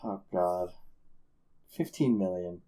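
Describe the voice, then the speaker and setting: A man co-hosting a casual podcast, talking in a lively way that often breaks off mid-thought, with casual swearing. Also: sits low, takes it slowly. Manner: animated, self-interrupting, swearing. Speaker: podcast co-host.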